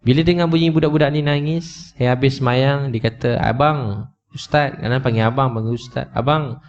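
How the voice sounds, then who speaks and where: Preacher telling an emotional story. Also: male voice, medium pitch, fairly even intonation, brisk. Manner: emotional, repetitive, addresses listeners directly. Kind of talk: storytelling sermon to a live audience. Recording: slightly dull lo-fi recording.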